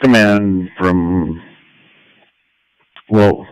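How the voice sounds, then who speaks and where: Male fire commander, low smooth voice, urgent firefighter radio delivery, procedural orders over dry two-way transmission. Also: steady tone, drawn-out words, dry recording. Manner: procedural, instructing. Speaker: firefighter incident commander on scene.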